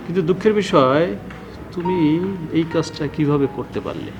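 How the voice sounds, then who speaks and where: An actor playing a formal, stern school headmaster scolding a teacher in a TV serial. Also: male voice, a little high, moderate pace, background noise, close to an everyday voice. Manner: formal, lecturing. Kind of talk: TV serial acting.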